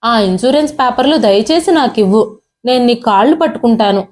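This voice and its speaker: A woman's voice: a little high, animated, brisk, darkish tone. A woman storyteller voicing a retired old father who pleads tearfully with his son. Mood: pleading.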